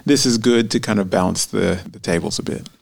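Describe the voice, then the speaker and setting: A low-voiced man with a gravelly, creaky edge chats enthusiastically on a podcast. He giggles a lot and sounds eager. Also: fairly quick. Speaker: podcast co-host and author. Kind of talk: casual chat.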